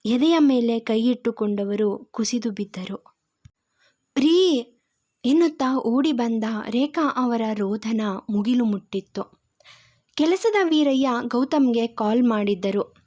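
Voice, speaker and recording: Woman storyteller, measured audio-story narration; mellow, unhurried, lo-fi. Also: fairly high pitch. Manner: slow, measured reading. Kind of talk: scripted narration of a love story. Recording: dull lo-fi recording.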